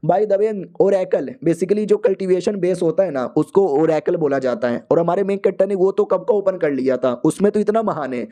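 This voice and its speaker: Slangy, high-voiced male story narrator. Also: normal speed, hardly any pauses, mellow. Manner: slangy, joking. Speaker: comic recap narrator. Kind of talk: casual storytelling recap.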